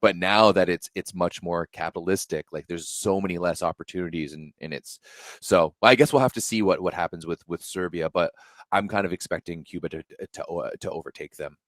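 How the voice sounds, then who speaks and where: Slangy young man with a deep voice. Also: brisk, dry recording. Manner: chatty and slangy, lots of fillers and repeats. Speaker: podcast co-host. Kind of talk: casual sports chat.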